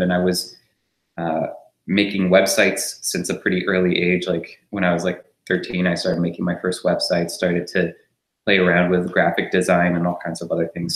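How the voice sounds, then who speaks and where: A man's voice: low voice, fairly bright tone, roomy sound. A man raised in France, a startup co-founder, talking easily as an interview guest, with fillers and frequent laughs. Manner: easygoing, laughs often, rambles with fillers. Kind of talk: relaxed conversational interview.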